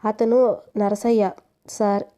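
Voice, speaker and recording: A woman voicing a helpful young male bar worker in an even reading. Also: medium pitch, slow, lightly acted.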